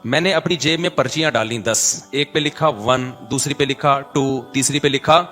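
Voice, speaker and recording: A man with a Karachi Urdu accent giving a religious lecture, moving between chanted recitation and chatty, animated asides. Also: mid-range voice, soft background music. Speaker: preacher.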